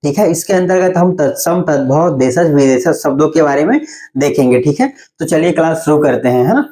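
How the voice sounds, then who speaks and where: A man's voice: fairly high pitch, animated, dark tone. Guy teaching an online grammar class, goes step by step, keeps checking in after every point. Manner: explains step by step with frequent "theek hai" check-ins; slows down to list terms.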